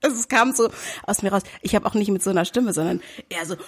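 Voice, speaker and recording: A woman chatting casually, telling an anecdote and acting out shouted quotes. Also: mid-range voice, fast talker. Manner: animated storyteller, acts out shouted quotes.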